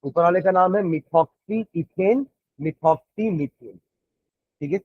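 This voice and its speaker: A man teaching chemistry who explains quickly and then dictates notes slowly, word by word. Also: sits high, no room sound, narrow, tinny audio. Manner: switches between rapid explanation and slow word-by-word dictation. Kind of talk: classroom lecture, dictating notes.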